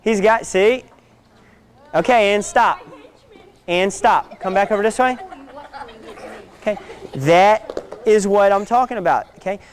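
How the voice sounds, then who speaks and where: A man's voice: sits high, a little slow, pauses often. A man teaching a self-defense class, giving direct instructions and often checking in with "okay?".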